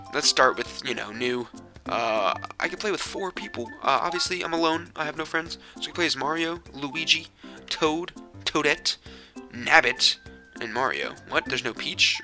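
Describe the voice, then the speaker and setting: Rambling, profane gaming host, slightly sick. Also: male voice, medium pitch. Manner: rambling, profane, self-deprecating. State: a little sick. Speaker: let's play host. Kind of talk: casual gameplay commentary. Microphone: mic hooked into a capture card. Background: video game music.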